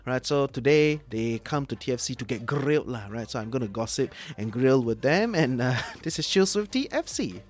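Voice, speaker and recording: A man's voice: mid-range voice, lively intonation, normal speed, hardly any pauses. A man with a Singaporean accent hosting a podcast, chatting casually in colloquial Singlish with local particles. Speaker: podcast host. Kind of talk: casual chat.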